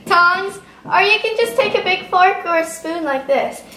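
A woman's voice: very high voice, lively intonation, a little slow, bright, forceful tone, slight background noise. Chatty teen girl in an echoey kitchen. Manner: chatty, explains steps with many "like" and "um". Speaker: home cooking vlogger. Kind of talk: casual cooking demo. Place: home kitchen, indoors. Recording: roomy kitchen with clattering dishes.

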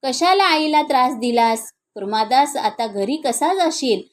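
A woman voicing a gentle old holy man. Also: high-pitched, lively intonation, measured pace. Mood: gently questioning. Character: revered elderly male saint, gentle and teasing.

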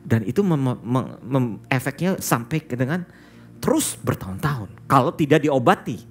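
At a normal pace and in a mid-range voice, a pastor tells his sermon like a story, repeatedly turning to listeners and calling them "saudara." Lively intonation carries his words, English terms slip into his talk, and soft music sounds behind him.

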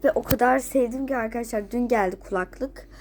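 A woman's voice: on the high side, a little fast, darkish tone, slight background noise. A teenage girl vlogging casually while sick with a cold, coughing and runny-nosed, chatting repetitively to her friends. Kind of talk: casual chat to camera. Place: at home, just out of bed.

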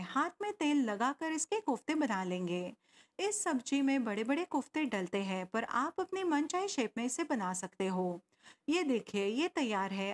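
A woman narrating a cooking video, explaining each step and adding tips. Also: sits high. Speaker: cooking channel host. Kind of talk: recipe voice-over narration.

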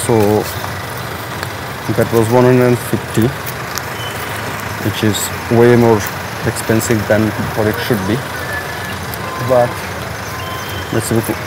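A man's voice: on the low side, little pitch movement, takes it slowly, long pauses. A man on a travel vlog who explains each step of a train trip to viewers as he goes. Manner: strains and groans while lifting heavy bags. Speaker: travel vlogger. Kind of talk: casual travel vlog narration. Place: outdoors, in a car and at a train station. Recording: loud street and traffic noise.

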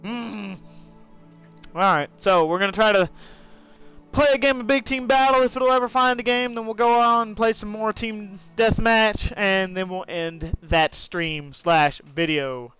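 A man's voice: high-pitched, unhurried, fairly bright tone, smooth, soft background music. A young man live-streaming a shooter game, rambling casually, swearing and laughing as he plays. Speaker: gaming streamer. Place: home room during a thunderstorm.

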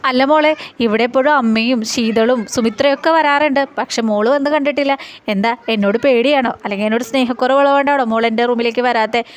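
Woman reading hurt older uncle, questioning, quick, fairly high. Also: lightly acted.

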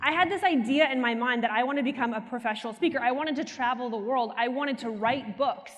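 A young woman giving an animated, teasing motivational keynote on a conference stage through a headset mic. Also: on the high side, fast. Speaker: keynote speaker. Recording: hall reverb from a conference stage.

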